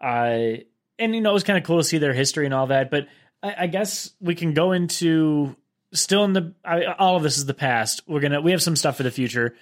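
A man's voice: a little high, fairly quick. A man co-hosting a movie podcast in casual, agreeable chat with plenty of fillers. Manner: chatty, agreeable, many fillers. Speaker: podcast co-host.

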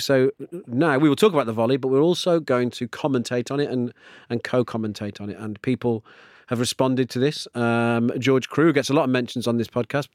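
A man's voice: medium pitch, a little mellow, no room sound, studio quality. A man hosting a podcast in a casual, chatty way. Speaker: podcast host.

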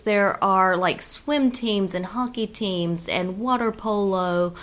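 A woman's voice: mid-range voice, slow, fairly bright tone. A woman co-hosting a show in an informal, conversational style. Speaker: podcast co-host. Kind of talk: casual chat.

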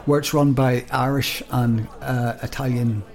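A man's voice: medium pitch, steady tone, measured pace, gravelly. Chatty man rambling along. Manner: chatty, rambling with many restarts and laughs. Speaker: podcast co-host. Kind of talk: casual chat.

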